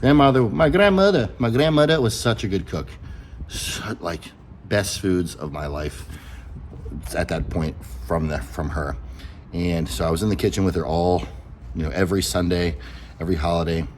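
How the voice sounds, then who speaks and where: A man's voice: low voice, moderate pace, slight background noise, rough recording. A young man talking in a casual vlog, blunt and exasperated, swearing freely as he rants. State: out of breath. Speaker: vlogger.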